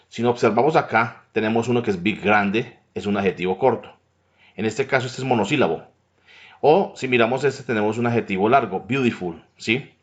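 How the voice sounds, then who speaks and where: Man teaching English grammar, lo-fi. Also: lowish voice. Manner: explanatory, checks in with frequent tag questions. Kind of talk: grammar lesson over slides. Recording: dull lo-fi recording.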